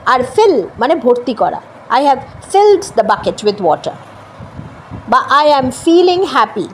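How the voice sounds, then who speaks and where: High-voiced Bengali woman teaching English. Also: a little hiss or hum, poor audio. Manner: explains step by step, slows down for English examples. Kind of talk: spoken language lesson.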